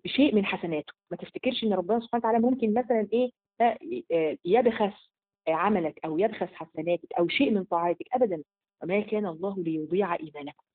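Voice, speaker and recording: A woman with an Egyptian Arabic accent giving a religious lesson to women, in colloquial speech that poses rhetorical questions and answers them. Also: mid-range voice. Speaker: religious teacher. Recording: phone-like narrow sound.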